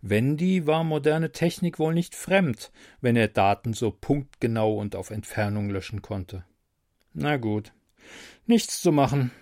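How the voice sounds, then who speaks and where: Brief: male audiobook narrator, unhurried, wry and expressive, dry close mic, mid pitch. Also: vocal fry, no echo. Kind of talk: first-person fantasy audiobook narration.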